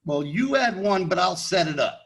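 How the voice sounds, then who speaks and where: A man's voice: high voice, animated, normal speed, vocal fry, fairly bright tone. A man co-hosting a casual interview, setting up questions in a laid-back, hesitant way with fillers. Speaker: interview co-host.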